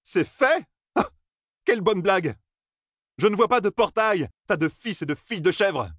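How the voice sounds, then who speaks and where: A man's voice: high voice, animated, normal speed, no room sound, pitched above the performer's own voice. A man voicing a brash, angry young man who curses and demands answers, in a dry, close audiobook reading. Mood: angry demanding. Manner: shouting, exasperated.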